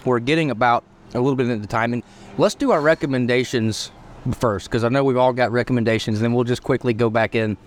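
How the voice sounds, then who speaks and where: A man's voice: medium pitch, fairly even intonation, fast, a little hiss or hum. A man hosting a casual podcast chat on a bakery patio, rambling and restarting as he searches for words. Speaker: podcast host.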